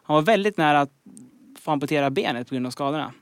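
A man's voice: a little high, lively intonation, smooth, no echo, studio quality. A man hosting a live podcast quiz, reading out clues in an upbeat way. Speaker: quiz host.

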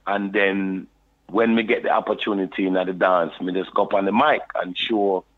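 Speaking low with fairly even intonation and at normal speed, this British reggae deejay chats as a podcast guest in a London Jamaican patois accent. He relates his story in a relaxed way, dropping "you know" frequently, over a tinny phone connection.

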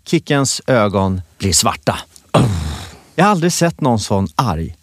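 A man's voice: on the low side, very animated. A man co-hosting a podcast, teasing his co-host while retelling a story in casual chat.

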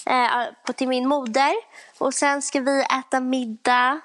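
A young woman co-hosting a podcast in casual chat, talking loudly and acting out voices in quotes. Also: high-pitched, level tone. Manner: chatty, acts out voices in quotes; talks loudly by habit. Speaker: podcast co-host.

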